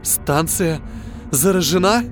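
A man's voice: a little high, takes it slowly, over music, pitched above the performer's own voice. Man voicing an anxious female spaceship medic. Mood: frightened. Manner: hesitant, worried. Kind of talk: science fiction audiobook.

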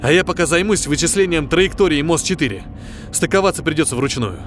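A man's voice: on the high side, animated, fairly quick, a bit bright, slight background noise. A man voicing a tense, commanding male spaceship pilot giving firm orders in a science fiction audiobook. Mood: firm, irritated.

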